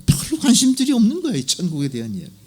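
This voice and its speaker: A man's voice: very high voice, wildly swooping pitch, racing, a little mellow, husky. A middle-aged male pastor preaching a sermon, asking the congregation rhetorical questions and acting out doubters' voices in quoted asides.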